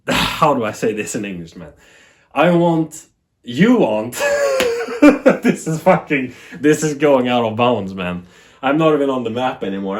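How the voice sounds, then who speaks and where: In a medium-pitched voice, a Swedish man with a Swedish accent talks to camera in English, which is his second language. As a TV tech YouTuber, he rambles with animation and laughs at himself along the way.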